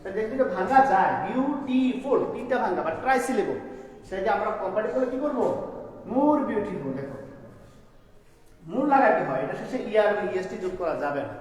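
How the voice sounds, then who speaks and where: Talking fast in a high, sing-song voice, a man teaches a classroom grammar lesson, breaking it down step by step and posing questions to students. The echoey room gives a long reverb.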